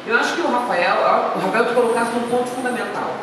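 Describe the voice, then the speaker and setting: In a noisy recording from an echoing hall, with the mic some distance away, a guest speaker gives a casual lecture. She speaks fairly quickly in a slightly high voice, sharing anecdotes and self-deprecating asides with the audience.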